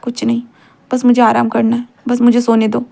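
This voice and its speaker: A woman voicing a withdrawn, depressed young man who talks softly and hesitantly, repeating himself. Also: fairly high pitch, completely flat delivery, normal speed, creaky. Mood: weary.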